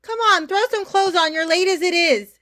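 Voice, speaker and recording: A woman with a very high, slightly bright voice and a moderate pace reads the role of a fretful, coaxing mother in a staged drama. She pleads and fusses, her nagging gentle and placating.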